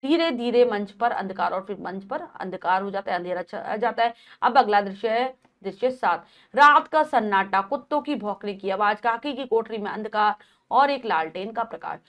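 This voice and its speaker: A woman's voice: mid-range voice, normal speed, fairly bright tone. A woman teacher who reads a play to her pupils and explains each line in plain words.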